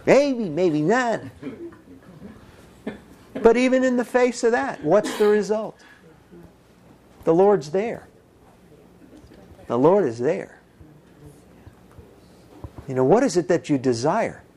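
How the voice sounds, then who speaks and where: A man preaching a sermon, animated and folksy, acting out little voices and dialogue as he speaks. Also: sits high, takes it slowly, long pauses. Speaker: pastor.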